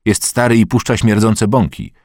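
A man voicing an eager but hesitant young boy who talks excitedly, in an audiobook reading. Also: on the low side, normal speed, dry recording, clean studio sound, pitched above the performer's own voice.

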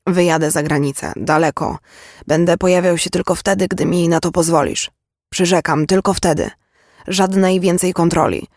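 A remorseful older father speaks quietly and earnestly, measured and firm, as read by a man. The sound is dry and close, with no room around it. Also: on the high side, fairly even intonation, no room sound, lightly acted. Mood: pleading. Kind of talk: audiobook character reading.

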